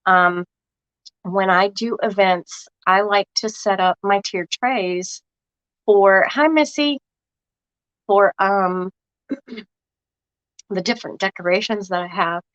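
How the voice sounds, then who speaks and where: Slow and pausing often, a woman with a medium-pitched, slightly bright voice walks viewers through a craft project, chatting casually and thinking aloud. The craft vlogger sounds froggy from a cold, and the dull lo-fi recording is dry, with no room sound.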